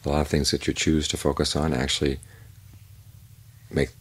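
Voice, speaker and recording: An older man, a Buddhist monk, giving a calm, measured evening Dhamma talk with unhurried pauses and a husky voice. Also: very deep voice.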